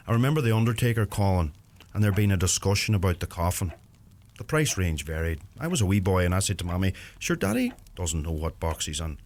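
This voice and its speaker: In a radio play, a male actor with a low, slightly mellow voice plays an earnest, plain-spoken young Irish farmer from Donegal, torn by guilt. A little hiss or hum can be heard.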